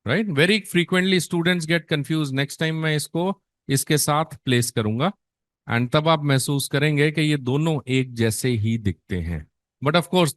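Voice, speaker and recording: A man with an Indian accent teaching an exam-prep nursing class in Hindi mixed with English, quizzing students with questions and drawing out key terms slowly for emphasis. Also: medium pitch, no room sound, studio quality. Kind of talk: online exam-prep lecture.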